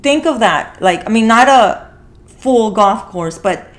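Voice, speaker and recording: Speaking slowly in a fairly high voice with lively intonation, a woman of Mexican heritage hosts a relaxed movie review talk show. She comes across as earnest and often repeats phrases to stress a point.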